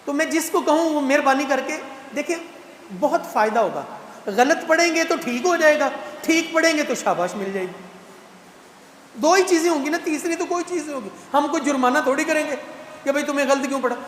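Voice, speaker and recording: A man with an extremely high-pitched voice gives a lively talk as guest speaker at a Quran completion gathering in a large mosque hall, animatedly teasing the congregation with playful rhetorical questions. The recording carries a little hiss or hum and the long, echoey reverb of the hall.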